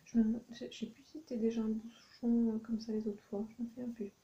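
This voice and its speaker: Lady rambling through her haul at home, lots of euh, gravelly low-key voice, kinda muffled. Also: little pitch movement, fast. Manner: hesitant, many ums, thinking aloud. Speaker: YouTuber doing a shopping haul. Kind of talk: casual haul vlog. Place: at home at night.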